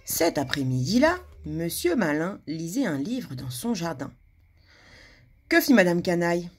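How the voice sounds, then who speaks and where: A kindergarten teacher reading a storybook aloud to children, animated and dropping to hushed asides. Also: female voice, on the low side, unhurried, slightly rough.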